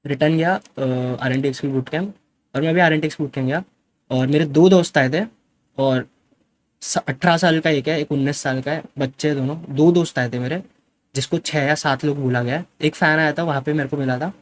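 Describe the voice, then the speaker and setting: A man's voice: fairly high pitch, fairly quick, a little hiss or hum. A man defensively telling his side of a story in a casual vlog, often repeating himself and switching into English. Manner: defensive, insistent, mixes English into his speech. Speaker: gaming streamer.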